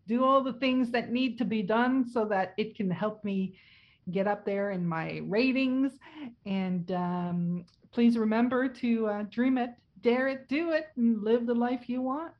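A woman's voice: on the high side, dull audio. A woman with a French accent, a native French speaker, hosting a casual conversational interview. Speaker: podcast host.

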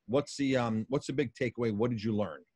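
A man's voice: mid-range voice, brisk, darkish tone, breathy edge, dry recording. Dry, close-sounding American man hosting. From Colorado, United States. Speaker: interview host. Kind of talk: casual conversational interview.

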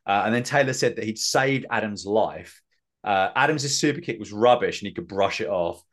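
A man's voice: lowish voice, lively intonation, moderate pace, a bit bright. A man hosting a podcast, recapping in a rambling, self-mocking way with many fillers. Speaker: podcast host. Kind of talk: casual recap chat.

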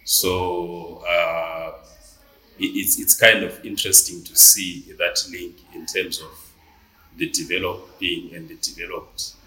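A man from Zimbabwe, a journalist, speaking haltingly with many fillers as an interview guest. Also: low voice, level tone, pushed and bright, roomy sound, rough recording.

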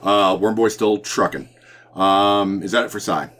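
A man's voice: on the low side, a little slow, a bit bright, a little hiss or hum. A man casually narrating a tabletop game as game master.

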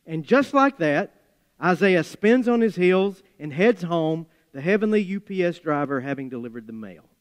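A man with an Appalachian accent preaching a sermon, speaking in measured, deliberate phrases with folksy turns. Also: sits high, lively intonation, clean tone. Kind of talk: sermon with scripture reading and storytelling. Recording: reverberant hall.

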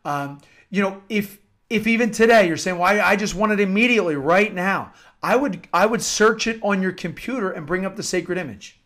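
An American man with a high, fairly bright voice preaches earnestly at a brisk clip. In this informal devotional talk with scripture-like readings, he's emphatic and repeats phrases for emphasis.

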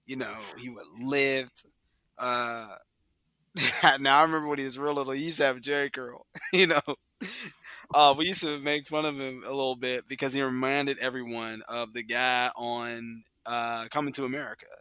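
A man's voice: mid-range voice, fairly even intonation, normal speed, sharp tone, clean tone, dry recording. A man speaking as a guest in an interview, reflective and hesitant, often trailing off into fillers.

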